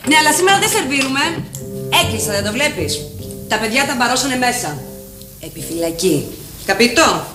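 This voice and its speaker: A woman's voice: on the high side, very animated, long pauses. An actress playing a brash, flirtatious woman running a bar, teasing and streetwise, in a period TV drama. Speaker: bar owner. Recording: echoey set with music.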